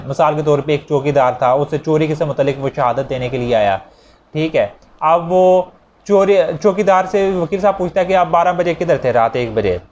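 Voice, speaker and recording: On a dull, noisy recording with background ambience, a slightly high, somewhat mellow male voice with a Pakistani accent explains the law. His lecture is conversational and repetitive, sprinkled with English legal terms, and shifts between worked examples and statute text read aloud.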